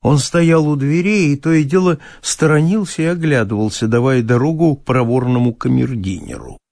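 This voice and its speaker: A man reading a classic story aloud as an audiobook narrator, expressive and theatrical. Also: medium pitch, moderate pace, no echo, clean studio sound. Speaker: audiobook reader.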